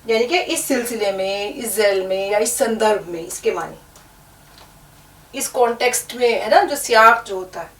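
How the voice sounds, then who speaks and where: In an Urdu language lesson, a woman patiently spells words out letter by letter at a normal pace in a mid-range voice. The room is echoey and the mic sits at a distance.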